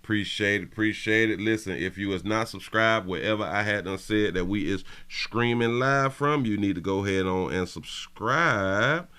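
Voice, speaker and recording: A man's voice: on the low side, normal speed, hardly any pauses, clean tone. Man casually hosting a livestream. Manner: shouting out viewers by area code, slangy and loose. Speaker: livestream host.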